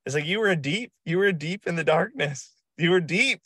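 Hyped podcast host on a dry video call. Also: male voice, on the high side, a little fast, fairly bright tone, breathy edge, no echo. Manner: hyped, emphatic, slangy. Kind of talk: energetic casual chat.

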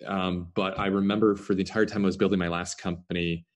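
Middle-aged male guest, very low pitch, easygoing and rambling delivery. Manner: relaxed, rambling, stretches some words slowly. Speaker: podcast guest, startup founder. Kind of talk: casual interview conversation.

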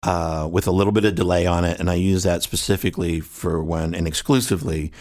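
A man with a very deep, low-pitched voice, walking through his gear in a long, rambling, technical explanation. He often sounds out rhythms with nonsense syllables as he goes. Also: steady tone, fairly quick, darkish tone. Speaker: guest musician.

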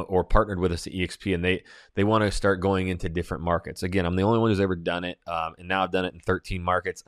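An energetic real estate agent talks straight to his listeners, punchy and salesy, with plenty of fillers. His voice sits low and deep. The sound is close and dry, with no room to it. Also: dry recording. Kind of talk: casual webinar talk answering questions.

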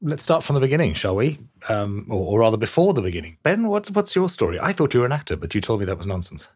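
A man's voice: medium pitch, big pitch swings, quick pace, a little mellow, husky. A man interviewing two guests, friendly but hesitant, with many fillers and restarts. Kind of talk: casual interview.

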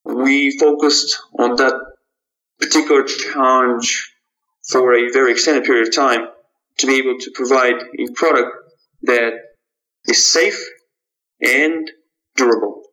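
A man from Kazakhstan, a startup founder answering interview questions in a measured, halting way with frequent restarts. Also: mid-range voice, steady tone, bright, forceful tone, rough recording.

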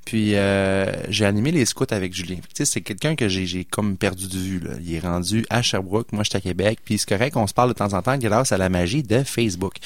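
A man's voice: deep voice, fairly quick, few pauses, dry recording. A middle-aged man with a Québécois accent, hosting a podcast and telling a story in a chatty way, acting out the lines of the people he met, with lots of fillers. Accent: Québécois French. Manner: animated anecdote-teller, acts out dialogue, many fillers. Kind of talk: casual storytelling chat.

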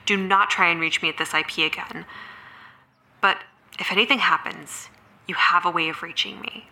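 An urgent, worried scientist. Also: female voice, lowish voice, steady tone, normal speed, pushed and bright. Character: worried woman scientist, robot's former colleague. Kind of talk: audio drama acting.

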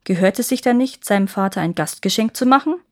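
A woman's voice: mid-range voice, animated, fast talker, darkish tone, close to an everyday voice. A woman voicing a mistrustful male king who commands his son. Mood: commanding. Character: mistrustful aging male king, scheming father.

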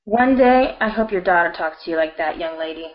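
A woman's voice: on the low side, expressive, a little fast, muffled recording, lightly acted. A middle-aged woman acting an insistent, patronizing mother in an audio drama. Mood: pushy. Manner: pushy, patronizing.

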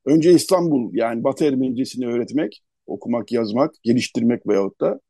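Mellow-voiced male radio host. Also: medium pitch, breathy edge, no echo. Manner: unhurried, hesitant, lists places one by one. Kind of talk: conversational radio interview.

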